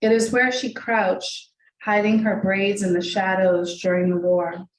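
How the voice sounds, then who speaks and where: In an echoey library reading room, a woman poet reads her work live, her mid-range voice showing little pitch movement. She grew up in the United States in a Hungarian family and speaks Hungarian as her first language. The poems come out measured and deliberate, her asides loose and full of ums, and the distant-sounding recording has a faint hiss.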